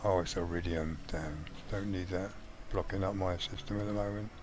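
A man's voice: low-pitched, steady tone, normal speed, background noise. A man giving casual let's play commentary on a game he is playing, thinking aloud as he goes with frequent ums. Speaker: gaming channel host.

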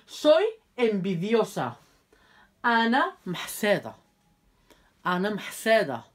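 A woman giving a casual video lesson, repeating phrases carefully for viewers and chatting in quick asides while she handles her cards. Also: fairly low pitch. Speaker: language teacher.

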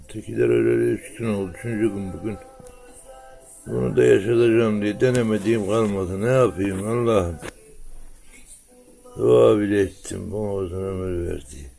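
Gravelly man coaxing his cat tenderly. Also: fairly low pitch, fairly even intonation, moderate pace, long pauses, dark tone, faint music behind. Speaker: cat owner filming a mother cat and kitten. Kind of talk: casual home video narration.

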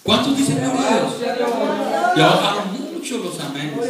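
Male pastor, impassioned sermon, heard from across an echoey church. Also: high voice. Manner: impassioned preaching, addresses congregation directly. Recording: echoey church hall, far from mic.

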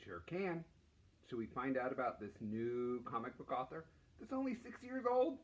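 Reading to children, a primary school teacher in his forties uses a mid-range voice at an ordinary speed. The setting is a small indoor classroom, and his tone stays lively, playful, and encouraging.

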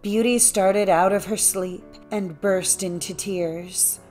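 A woman narrating a classic fairy tale as an audiobook, in a measured, even storytelling manner. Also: mid-range voice, faint music behind.

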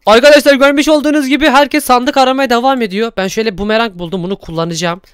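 A young man hosting Minecraft gameplay commentary, excitable and exclaiming often as he talks to viewers. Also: very high voice, racing, clean tone, dry recording, studio quality. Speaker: gaming YouTuber host.

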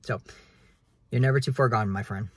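Young man, husky, earnest preachy vlogger, phone selfie in a car. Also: medium pitch, moderate pace, no room sound. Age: young adult. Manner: earnest, preachy, repeats "guys". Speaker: realtor vlogger. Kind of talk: casual faith talk to camera. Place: inside a car. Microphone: phone at arm's length.

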